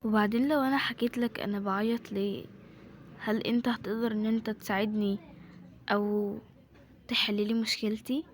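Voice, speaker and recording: A woman's voice: fairly high pitch, steady tone, normal speed, long pauses, slight background noise, lightly acted. A woman playing a hurt young Egyptian woman. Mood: sad. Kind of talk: amateur voiced home drama.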